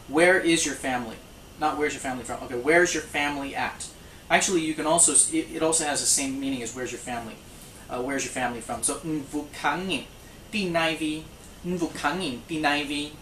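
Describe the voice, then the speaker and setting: A language teacher working through a lesson, slowing right down to repeat each phrase twice for the learner. The explanations are relaxed and full of self-corrections. The voice rings in a reverberant room over a faint steady hiss. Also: medium pitch, far from the mic. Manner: repeats phrases slowly for drilling, corrects themself mid-sentence.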